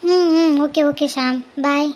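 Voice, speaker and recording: A woman voicing an anxious young woman who talks in a worried, hushed way. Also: high-pitched, slow pace, dull audio, voice pushed down.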